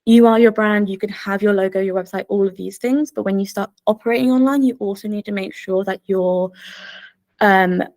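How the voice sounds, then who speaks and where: A woman's voice: mid-range voice, fairly even intonation, a little fast, a little mellow, no room sound. A young woman presenting an online workshop in a bubbly, chatty way, full of fillers. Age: young adult. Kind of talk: casual online workshop talk.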